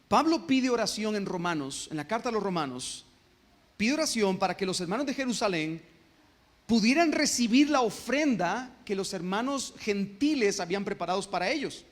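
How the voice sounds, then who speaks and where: A man's voice: sits high, big-room sound. A male pastor preaching a sermon, often stopping to ask his congregation questions. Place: church sanctuary.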